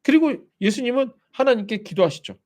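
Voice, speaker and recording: A man's voice: very high-pitched, expressive, fairly quick, darkish tone. A man preaching a sermon as pastor, animatedly acting out quoted voices.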